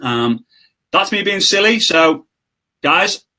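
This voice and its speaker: Excitable young man hosting a live stream. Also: sits high, takes it slowly. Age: young adult. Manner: excitable, salesy, jokey. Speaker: host. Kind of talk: casual live-stream chat.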